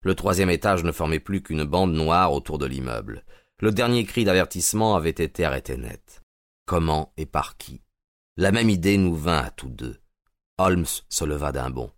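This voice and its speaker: Man with a really deep voice reading a story aloud, steady pace, dry close recording. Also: normal speed, no room sound. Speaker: narrator. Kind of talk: scripted audiobook narration.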